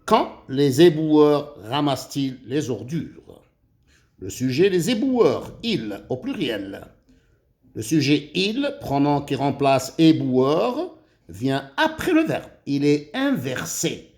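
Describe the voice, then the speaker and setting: Slow, lively-voiced male teacher. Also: fairly high pitch. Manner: reads questions aloud, then explains each step patiently. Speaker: primary school teacher. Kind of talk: slow, deliberate grammar lesson.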